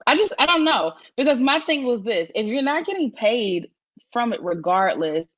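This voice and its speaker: A woman's voice: on the high side, very animated, moderate pace, fairly bright tone, dry recording. Woman co-host, casual chat, emphatic and opinionated, dry lo-fi sound. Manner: opinionated, emphatic, with frequent restarts. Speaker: podcast co-host.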